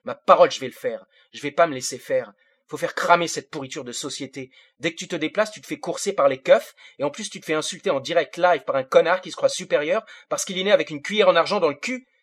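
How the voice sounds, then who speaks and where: Here a man reads an audiobook as an enraged fifteen-year-old housing-projects kid, and the first-person monologue comes out in agitated bursts of bitter street slang. He talks fast, his pitch leans high, and his voice has a breathy edge.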